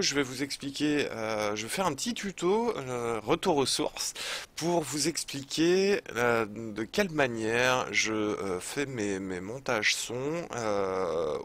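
A man's voice: mid-range voice, fairly bright tone. Hesitant French man giving a tutorial. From France. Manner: hesitant, many filler pauses. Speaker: YouTube tutorial host. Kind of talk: screen-recorded software tutorial.

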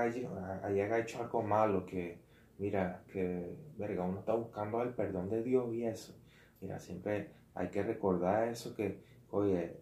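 A man preaching in a casual, informal way, halting and correcting himself often, with slangy asides. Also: fairly low pitch, warm tone, a little hiss or hum. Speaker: lay preacher. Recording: roomy echo.

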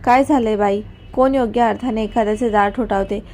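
A woman's voice: fairly high pitch, fairly even intonation, brisk, a little mellow, natural voice. A woman voicing an arrogant, domineering rich young husband in a storybook reading, with cold, commanding scorn. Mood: harsh.

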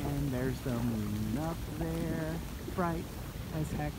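A woman's voice: low-pitched, slow, heavy background noise. A woman vlogging a family rest day in a casual, chatty way and laughing easily. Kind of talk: casual family vlog chat.

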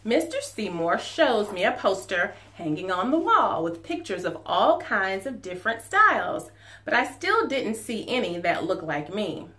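A woman in her forties, a teacher reading a children's storybook aloud at home in an expressive, animated way. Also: medium pitch, unhurried. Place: living room at home.

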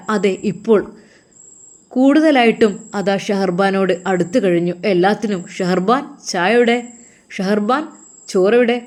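A woman with a Malabar Malayalam accent, narrating a dramatic story in an expressive way. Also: medium pitch.

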